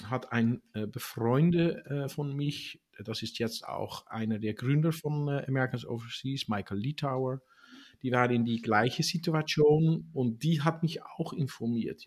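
Dutch guy in his 60s talking german, lots of uhs and restarts, mid-pitched voice. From Netherlands. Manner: halting, many fillers and restarts. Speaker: guest. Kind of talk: interview answers.

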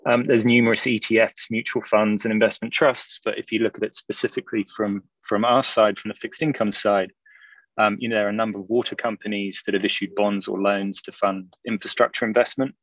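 Low-voiced male analyst in dry sound. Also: level tone, a little fast, fairly bright tone, no room sound, rough recording. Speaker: corporate analyst, interview guest. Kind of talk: explanatory podcast interview.

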